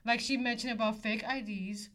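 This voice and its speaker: A woman co-hosting a casual podcast, telling stories in an animated way and acting out both sides of the dialogue. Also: on the high side, normal speed. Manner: animated storyteller, acts out dialogue. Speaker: podcast co-host. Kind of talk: casual chat.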